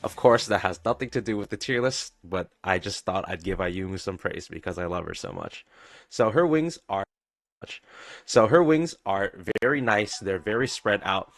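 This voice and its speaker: A man narrating a tier-list video in a pitched-up voice, stumbling and repeating phrases as he goes. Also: animated, no echo. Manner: halting, repeats phrases and stumbles over words. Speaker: streamer. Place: pre-recorded video played on stream. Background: faint background music.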